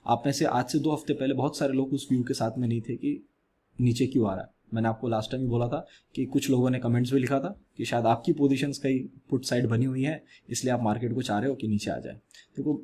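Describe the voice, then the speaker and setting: A man with an Indian accent hosting a weekly market analysis, talking in a measured, explanatory way and speaking softly into a close mic. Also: mid-range voice, breathy edge. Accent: Indian English. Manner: measured, explanatory, mixes English phrases into Hindi. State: speaking softly due to ear injury. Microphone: close mic with gain raised.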